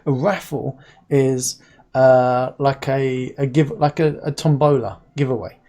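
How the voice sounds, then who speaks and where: A man's voice: medium pitch, fairly even intonation, unhurried, dark tone. A man in his forties who pronounces his r's as w's, hosting a casual live stream in a chatty, rambling, anecdotal way. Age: 40s. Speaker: host.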